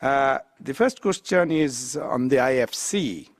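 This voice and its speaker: A man moderates a conference panel in an unhurried, courteous way, with many small pauses. The sound is dry and close. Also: medium pitch, lively intonation, no room sound.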